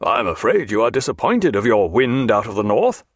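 Man as Captain Jack Aubrey, bluff and animated. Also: on the low side, normal speed, no echo, studio quality. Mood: confident. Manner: jovial, bluff, old-fashioned speech. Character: hearty, good-humoured male naval captain, confident and blunt.

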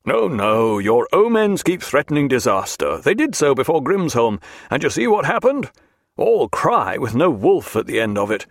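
A man acts out a hearty naval captain in a storybook reading. He is blunt, confident and good-humoured, with old-fashioned turns of phrase. His mid-pitched voice is highly animated and closely recorded. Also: moderate pace, dry recording, studio quality. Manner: jovial, bluff, old-fashioned speech.

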